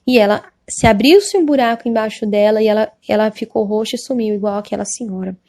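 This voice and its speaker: A woman's voice: medium pitch, quick pace, warm tone. A woman with a Brazilian accent giving an earnest, hesitant religious testimony, repeating details as she goes. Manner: earnest, repetitive, hesitant retelling. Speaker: testimony speaker.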